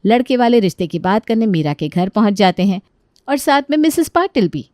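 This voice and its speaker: A woman's voice: medium pitch, lively intonation, a little fast, a little mellow, dry recording, clean studio sound. A woman narrating a cartoon story in a chatty, scripted style, talking straight to the listener. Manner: chatty, addresses listener directly.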